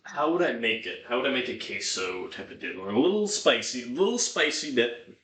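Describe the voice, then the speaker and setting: A man cooks on a livestream, chatting casually and thinking aloud to himself and his viewers, swearing now and then. His medium-pitched voice is very animated, fairly quick, and a bit bright, in an echoey room.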